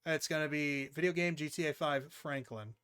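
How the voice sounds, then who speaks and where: A man's voice: a little high, normal speed, fairly bright tone, clean tone, dry recording, studio quality. A man playing as a quiz contestant, chatting casually, thinking aloud and swearing freely.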